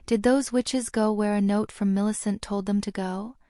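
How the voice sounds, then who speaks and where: A woman's voice: medium pitch, steady tone, normal speed, dark tone, no echo, clean studio sound, lightly acted. A woman doing a pointed questioning schoolboy. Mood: challenging. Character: challenging schoolboy in a common room. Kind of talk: audiobook character reading.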